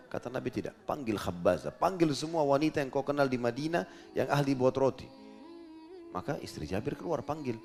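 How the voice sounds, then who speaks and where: Animated male preacher telling a story. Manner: animated storyteller, acts out dialogue with pitch jumps. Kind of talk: sermon storytelling.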